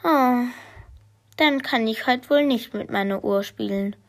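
A woman's voice: a little high, a little slow. A woman voicing an impatient eight-year-old girl who pleads and whines in a storybook reading. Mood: disappointed. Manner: pleading, eager, whiny when disappointed.

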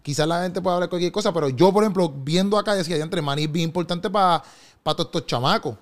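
A man's voice: sits high, quick pace. A man interviewing in a casual chat, asking long rambling questions and checking he is understood.

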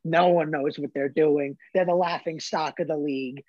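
A man's voice: fairly high pitch, fairly even intonation, moderate pace, a little mellow, no echo, dull audio. A man co-hosting a sports talk show, emphatic and opinionated, making bold predictions. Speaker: co-host.

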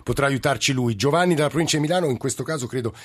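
A man's voice: medium pitch, racing. A man hosting live talk radio in a polite, formal and wordy way. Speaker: radio host. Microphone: studio microphone.

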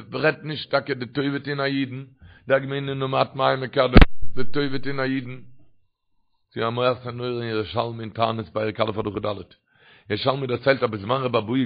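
A man telling religious stories in a sermon, lively and rising sharply in pitch whenever he quotes someone. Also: vocal fry. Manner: animated, rising sharply when quoting others. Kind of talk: storytelling sermon. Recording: dull lo-fi recording.

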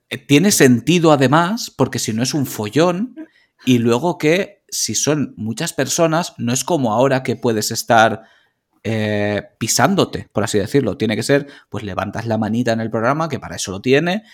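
A man with a Spain Spanish accent co-hosting a podcast in casual chat, telling rambling, animated stories with plenty of swearing over a video call. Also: medium pitch. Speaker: podcast co-host.

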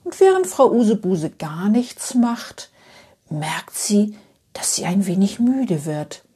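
A woman telling a bedtime story in a soft, half-whispered voice, with lulling repeated phrases. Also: medium pitch, very animated, takes it slowly, breathy edge.

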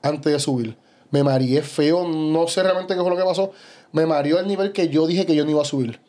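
A man's voice: a little high, a little fast. A young adult man with a Puerto Rican Spanish accent, a bodybuilder guest telling stories animatedly in a casual podcast chat, peppering his talk with "you know". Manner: animated storytelling, frequent "¿sabes?".

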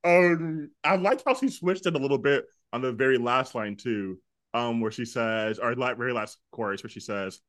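A man in a middle-pitched voice chats loosely about music, full of fillers and frequent laughter. His voice sits dry and close to the mic, with no room sound around it. He drops quieter whenever he quotes lines. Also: moderate pace, no echo. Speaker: podcast co-host. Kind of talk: casual chat reviewing an album.

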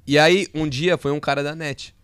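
A young Brazilian man on a podcast, telling a personal story in a slang-filled, animated way. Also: fairly high pitch, normal speed, smooth, no echo. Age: young adult. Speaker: podcast guest. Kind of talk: casual storytelling.

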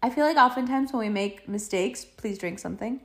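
A woman hosting a podcast alone, chatting casually and loosely with playful slang, swearing and drawn-out emphasis. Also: on the high side, fairly bright tone. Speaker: podcast host. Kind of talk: casual rambling solo chat.

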